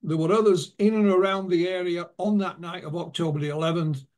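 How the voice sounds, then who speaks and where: Higher-voiced male author telling stories. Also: steady tone, brisk, darkish tone. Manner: anecdotal, retells witnesses' words. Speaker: author and guest. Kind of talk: interview storytelling.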